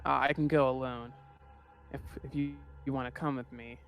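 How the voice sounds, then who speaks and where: A man's voice: medium pitch, steady tone, normal speed, a bit bright, clean tone, faint music behind, lightly acted. A man voicing a brusque, impatient female shaman merchant in an improvised tabletop game, with a curt, dismissive way of talking. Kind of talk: improvised tabletop role-play.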